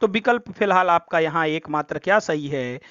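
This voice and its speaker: A man with a high, smooth voice leads a Hindi grammar practice lesson. He steps through each option methodically and restates the corrections. The recording is dry and a little dull, with a lo-fi edge. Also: animated, moderate pace, a bit bright, dry recording. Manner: explains step by step, repeats options and corrections.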